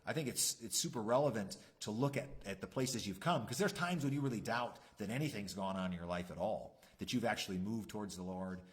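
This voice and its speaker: A man's voice: on the low side, brisk, few pauses. A man co-hosting a church youth talk show, speaking in a reflective, rambling way with many fillers. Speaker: church youth leader co-host. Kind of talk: casual faith discussion.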